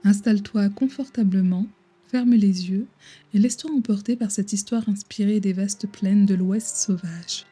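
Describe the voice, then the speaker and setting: A woman narrating a bedtime story slowly and soothingly, soft and breathy, in a hushed voice close to the listener's ear. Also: mid-range voice, fairly even intonation, faint music behind.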